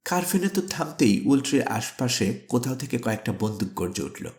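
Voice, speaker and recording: Man narrating a dramatic storybook. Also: mid-range voice. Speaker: audiobook narrator. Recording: echoey room.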